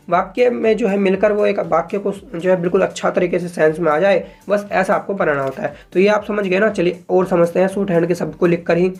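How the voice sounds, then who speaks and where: A male teacher explains shorthand in a relaxed video lesson. He talks patiently and conversationally, slowing down to repeat example sentences word by word. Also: high voice. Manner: addresses viewers as friends, frequent "ठीक है".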